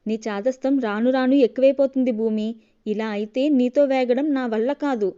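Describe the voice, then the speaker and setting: A woman's voice: high-pitched, normal speed, dark tone, natural voice. A woman storyteller voicing an exasperated young husband who scolds his wife in raised lines. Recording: dull lo-fi recording.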